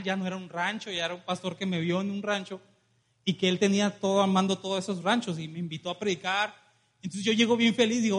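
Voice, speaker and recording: A man preaching an animated sermon in a church, calling on the congregation and acting out stories. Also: high voice. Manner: animated, calls congregation to respond, acts out dialogue. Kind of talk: lively sermon with storytelling.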